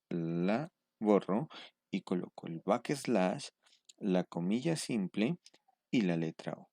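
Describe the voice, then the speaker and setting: Deep-voiced patient male instructor. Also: vocal fry, darkish tone, no room sound, studio quality. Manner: patient step-by-step explaining, checking in with a questioning "mm". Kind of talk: screen-recorded tutorial.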